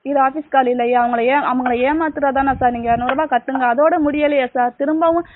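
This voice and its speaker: A woman's voice: high-pitched, fairly even intonation, fast talker. A woman on a phone call, begging and repeating "sir" in nearly every line as she pleads for her money back. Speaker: scam victim on a phone call. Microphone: phone call recording. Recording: tinny phone line with loud noise.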